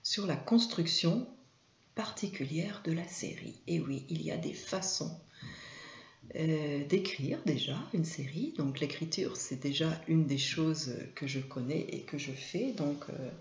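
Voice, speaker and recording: A woman hosting her own video, explaining at an unhurried pace and pausing often on filler sounds. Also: deep voice, expressive, echoey room, lo-fi sound. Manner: hesitant, many filler sounds. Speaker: video host and image consultant. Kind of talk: informal talk to camera.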